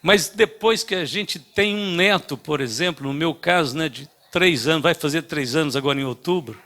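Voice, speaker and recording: An older man preaching a sermon, telling a story in an emphatic way with many halting restarts. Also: a little high, bright, forceful tone. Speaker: pastor.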